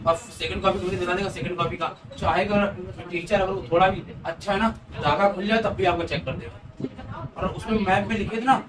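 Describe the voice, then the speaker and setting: A man's voice: high-pitched, a little fast. A male teacher gives exam-prep advice to students in a coaxing, repetitive way. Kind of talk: exam-prep class lecture. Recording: noisy room, voice from a distance.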